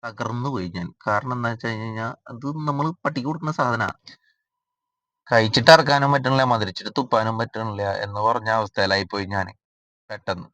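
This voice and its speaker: A man's voice: fairly low pitch, fairly bright tone, dry recording. Chatty man with a dry close sound. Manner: chatty, rambling, frequent drawn-out 'aa' fillers. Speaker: cooking vlogger. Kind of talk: casual cooking narration.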